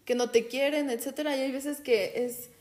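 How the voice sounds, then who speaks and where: A woman with a Jalisco Mexican accent whose voice sits a bit high. She reflects carefully in a casual conversation and circles back to restart her phrases as she builds her point. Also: steady tone, normal speed, a little mellow. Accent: Mexican Spanish, Jalisco.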